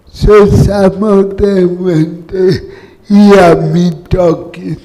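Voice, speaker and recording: Slow, slurred Kenyan man, halting speech. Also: high-pitched, steady tone, dark tone, poor audio. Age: late 30s. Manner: halting, a word or two at a time. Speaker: audience member asking a question. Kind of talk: question from the floor at a conference.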